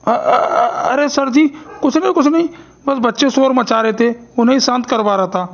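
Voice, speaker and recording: A jumpy, henpecked cartoon schoolteacher who stammers and begs for forgiveness. His voice sits high with a gravelly edge. The audio is dull and lo-fi. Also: normal speed. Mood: flustered pleading. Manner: stammering, pleading. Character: nervous henpecked male schoolteacher.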